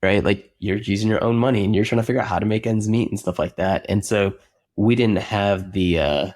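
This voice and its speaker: A man being interviewed as a software company co-founder, speaking earnestly and reflectively in casual conversation, often restarting his sentences. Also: fairly low pitch, brisk.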